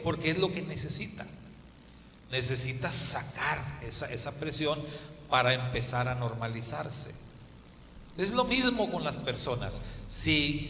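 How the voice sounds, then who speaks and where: Pastor guy, slow and bright, bouncy pitch, big echoey hall. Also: slight background noise. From Mexico. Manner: rhetorical questions to the congregation, emphatic. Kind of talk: sermon. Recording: echoey hall with long reverb.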